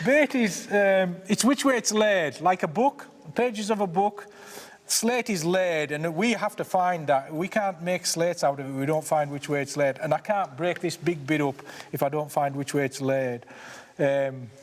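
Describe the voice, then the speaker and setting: A man's voice: fairly high pitch, normal speed. A man with a Cumbrian accent explaining his work casually as a miner, plain-spoken and a little hesitant. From Cumbria, England. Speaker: slate miner and mine owner. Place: inside an underground slate mine. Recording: reverberant underground space.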